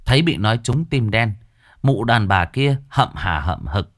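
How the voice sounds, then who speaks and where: A man with a low voice narrates a ghost story, his pitch rising and falling with lively expression. The recording is dry and close, with no room sound. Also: unhurried, no echo.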